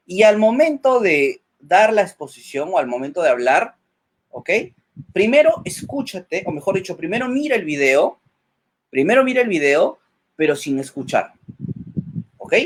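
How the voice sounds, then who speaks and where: A man's voice: on the high side, very animated, moderate pace, slight background noise. A man giving public speaking advice as a webinar guest, checking in with "ok?" after nearly every point and acting out short example lines. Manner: acts out example lines in a changed voice.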